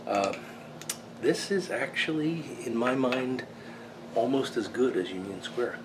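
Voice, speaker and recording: An American man in his fifties giving a casual, rambling video review in a halting, unhurried way, recorded in a small workshop. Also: medium pitch, expressive. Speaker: pipe tobacco reviewer. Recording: clearly noisy room background.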